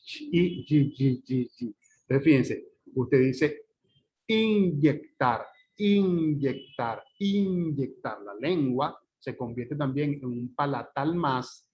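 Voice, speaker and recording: Male lecturer, patient classroom delivery, slow repeated examples, dull lo-fi sound. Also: mid-range voice. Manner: checks in often with "¿ok?" and "¿verdad?", repeats example words slowly. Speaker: teacher. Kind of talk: phonetics lecture.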